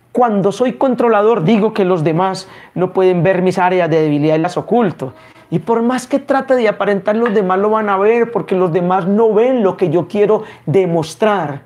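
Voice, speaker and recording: Male preacher, sermon delivery, measured pace with pauses and repeated phrases. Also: high-pitched, darkish tone.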